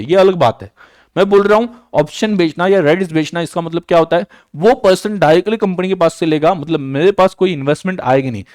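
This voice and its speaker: A man's voice: on the high side, darkish tone, no echo, clean studio sound. A man lecturing on accounting, mixing English terms into his explanation and often checking that students follow. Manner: repeats key points, checks understanding with "बराबर?" and "clear?"; slows down to dictate journal entries. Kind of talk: recorded online lecture.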